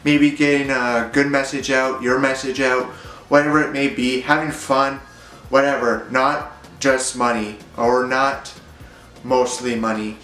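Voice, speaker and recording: A man's voice: mid-range voice, flat delivery, unhurried, fairly bright tone, reverberant, soft background music, low-quality recording. A young man rambling through a casual vlog monologue, hesitant and full of fillers. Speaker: YouTuber.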